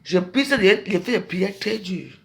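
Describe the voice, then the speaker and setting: A woman hosting a live stream, delivering a repetitive, preachy rant to her viewers that swings between low murmurs and loud, high outbursts. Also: expressive, moderate pace, gravelly.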